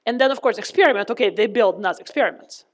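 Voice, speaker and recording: Perempuan dosen, suara agak tinggi teredam masker. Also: female voice, a little high, expressive, quick pace. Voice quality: muffled, speaking through a face mask. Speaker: physics lecturer. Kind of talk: lecture with questions to the class. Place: lecture room.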